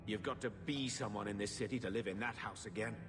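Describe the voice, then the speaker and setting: An actor playing a gruff, shamefaced middle-aged uncle, a fallen nobleman, in a video game. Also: lowish voice, quick pace, natural voice. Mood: bitter, dismissive. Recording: echoing hall reverb. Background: game music.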